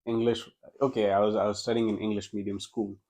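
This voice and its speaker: A young Gujarati-speaking man from India, with an Indian accent, tells his story as a guest on a casual podcast interview, frequently restarting his sentences. His voice is lowish, level, brisk and a little mellow.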